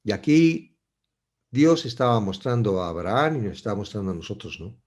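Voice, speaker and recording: A man teaching a Bible study in a conversational, reflective way, often pausing and restarting as he searches for words. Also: lowish voice, very animated, darkish tone, highs cut off.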